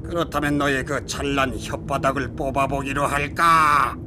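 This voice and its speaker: An actor playing a proud, easily insulted demon lord in an audio drama, with an imperious, threatening dark-lord delivery. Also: male voice, mid-range voice, steady tone, moderate pace, noisy background, natural voice. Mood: irritated menace. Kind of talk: dramatized comic audio acting.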